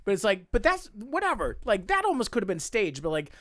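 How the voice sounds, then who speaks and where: Lively podcast dude, voice swings all over, laughs a ton, dry close sound. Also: male voice, sits high, brisk, dry recording. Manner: animated, laughs often, rambling with many fillers. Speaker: podcast co-host. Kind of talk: casual chat.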